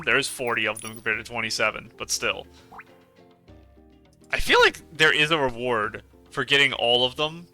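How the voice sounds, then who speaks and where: A man's voice: mid-range voice, pushed and bright. A man hosting a let's play, chatting casually and rambling about the game. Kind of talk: casual gameplay commentary.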